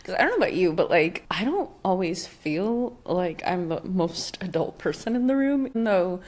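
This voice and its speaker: A woman's voice: on the low side, big pitch swings, normal speed, a little mellow. Chatty woman in her thirties, rambling. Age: 30s. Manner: rambling, filler-heavy, with frequent "like". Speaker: podcast host. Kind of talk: casual chatty monologue.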